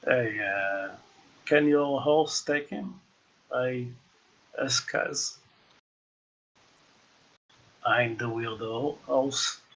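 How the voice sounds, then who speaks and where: A man playing a tabletop game, talking in halting bursts with many fillers. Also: medium pitch, creaky, a bit bright, low-quality recording. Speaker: player.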